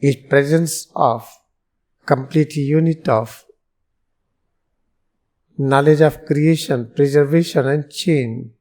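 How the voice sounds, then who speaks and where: A yoga guru with an Indian accent leads a guided meditation in solemn, deliberate, measured phrases with pauses. His voice is on the high side and a little mellow.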